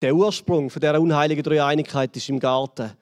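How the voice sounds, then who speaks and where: A man with a Swiss German accent preaching a sermon, building dramatically and then dropping to hushed lines. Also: steady tone, a little fast, long reverb tail. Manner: dramatic, swells and drops in pitch and volume. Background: band playing softly.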